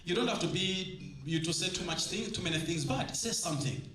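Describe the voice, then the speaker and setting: A man's voice: high voice, brisk, sharp tone. A man with a Southern African English accent, a church leader, addressing a convention and coaxing the crowd with repeated instructions. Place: large convention hall. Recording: roomy hall with faint ambience.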